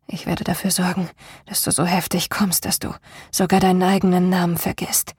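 A woman's voice: level tone, moderate pace, darkish tone, breathy edge, no room sound, studio quality. Woman whispering as a seductive female lover. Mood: murmuring tender. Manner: low murmured whisper. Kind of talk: whispered role-play.

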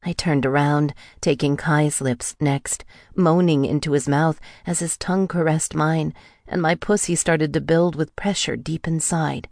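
Brief: a woman, deep-toned, intimate and breathy, reading a romance audiobook dry and close. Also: fairly even intonation, unhurried, darkish tone, no echo. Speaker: audiobook narrator. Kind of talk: first-person romance audiobook narration.

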